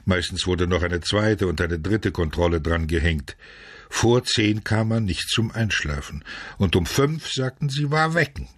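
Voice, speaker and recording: A man reading a novel aloud as scripted narration, measured and steady, switching to loud shouts for quoted lines. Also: sits low, no room sound, studio quality. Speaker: audiobook narrator.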